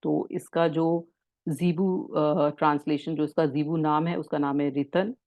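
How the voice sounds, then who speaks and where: A woman instructor teaching a spiritual symbol course, explaining in Hindi mixed with English and reading English passages slowly. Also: low-pitched, steady tone, darkish tone, no echo.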